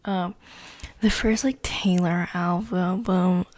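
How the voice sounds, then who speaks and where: A teenage girl hosting her own podcast, chatting casually about her week in a rambling, halting way with lots of fillers, often half-whispering. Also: on the low side, fairly even intonation, darkish tone. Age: teens. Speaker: podcast host. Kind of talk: casual chat.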